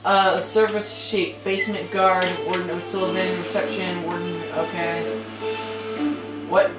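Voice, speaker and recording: A man's voice: high-pitched, little pitch movement, measured pace. Casting: playful male let's-play host, jokey and teasing, echoey room with game music playing behind. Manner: playful, joking, teasing the characters. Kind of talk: gaming commentary.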